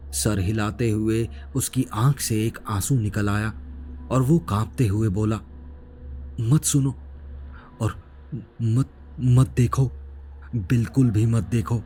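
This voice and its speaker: A man's voice: on the low side, dark tone, slight background noise. A man narrating a horror story in a grave, suspenseful scripted delivery.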